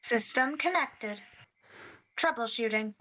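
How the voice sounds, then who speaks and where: A woman's voice: fairly high pitch, takes it slowly, slight background noise, low-quality recording. A woman voicing a glitching computer. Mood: robotic. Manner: flat robotic announcements, repeating errors. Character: glitching computer system, monotone and error-prone. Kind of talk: fan roleplay game.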